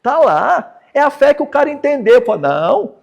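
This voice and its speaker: A Brazilian man with a notably high voice delivers a Spiritist lecture in a chatty preaching style. He leans on animated emphasis and tag questions to the audience, then goes softer and lower toward the end. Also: a little fast, vocal fry. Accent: Brazilian Portuguese. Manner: animated, sinks soft and low at the close. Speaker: speaker at a Spiritist center.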